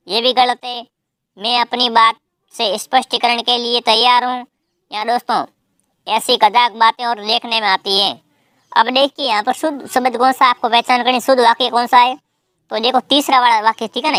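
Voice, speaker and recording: A woman teaching an online exam-prep quiz lesson, briskly repeating each question and its options and urging viewers to comment their answers. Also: fairly high pitch, fairly bright tone, no room sound.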